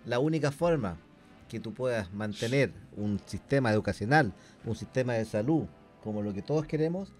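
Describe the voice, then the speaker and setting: A man's voice: medium pitch, lively intonation, normal speed, darkish tone, soft background music. A Chilean man co-hosting a podcast, explaining his views in casual discussion and laying out points one by one. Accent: Chilean Spanish. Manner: explanatory, lists points steadily. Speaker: podcast co-host.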